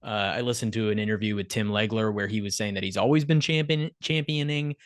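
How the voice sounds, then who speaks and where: A man's voice: on the low side, fairly quick, clean tone, dry recording, clean studio sound. A man co-hosting a casual sports podcast, talking animatedly and rattling off stats with the odd laugh mid-sentence. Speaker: podcast co-host.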